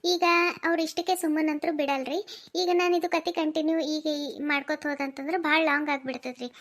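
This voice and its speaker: A woman's voice: high-pitched, steady tone, moderate pace. A woman storyteller with a North Karnataka accent, politely asking viewers in a casual closing narration. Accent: North Karnataka Kannada. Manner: polite, pleading. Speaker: storyteller of the channel.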